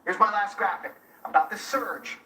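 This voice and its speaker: A man presenting a live forecast as a TV weather expert, deliberate and emphatic, repeating key points. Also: high-pitched, sharp tone. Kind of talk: live forecast explanation and handoff. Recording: roomy, distant sound with faint noise.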